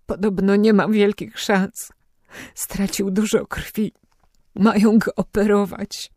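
A woman's voice: mid-range voice, little pitch movement, slow pace, a little mellow, no room sound, studio quality. A woman voicing an elderly grandmother who is anxious and bewildered, in an audiobook. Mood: worried. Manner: anxious, questioning.

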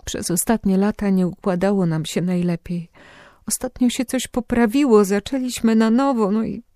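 Male reader doing a hushed, tearful young woman, raised pitch, slow, dry close sound. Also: steady tone, no room sound, close to an everyday voice. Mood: pleading, tearful. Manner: hushed, pleading, near tears. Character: frightened pregnant young woman at confession.

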